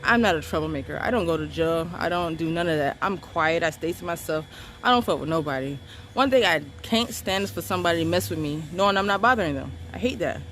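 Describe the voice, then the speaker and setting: A woman's voice: on the low side, animated, fast, a bit bright, slight background noise. Defiant woman venting bluntly. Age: adult parent of three children. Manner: blunt, profane, emphatic and defiant. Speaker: vlogger recounting her arrest. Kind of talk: angry storytelling vent.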